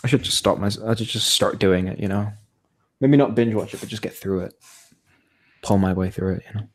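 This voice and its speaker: Fairly low in pitch and brisk, a young adult man rambles through casual conversation as a podcast co-host. He is chatty and pokes fun at himself, laughing often.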